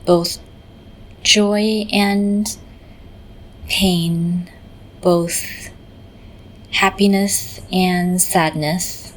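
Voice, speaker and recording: A meditation teacher, a woman with a gentle, lowish voice, leads a meditation at an unhurried pace. Her delivery stays very even with little rise or fall, and she pauses in the middle of phrases. The audio is poor, with light but steady background noise underneath.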